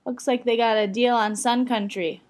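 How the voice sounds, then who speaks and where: A middle-aged woman with a Minnesota accent playing a chatty, opinionated Minnesotan in a casual comedy sketch, folksy and deadpan. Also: a little high, normal speed, close to an everyday voice. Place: rooms at home, indoors.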